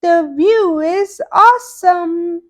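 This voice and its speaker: A woman's voice: extremely high pitch, takes it slowly, pitched above the performer's own voice. A woman voicing an easygoing, upbeat storybook cat, stretching out happy exclamations. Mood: delighted. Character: Pete, groovy, easygoing cartoon cat who sings. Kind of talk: children's storybook character voice.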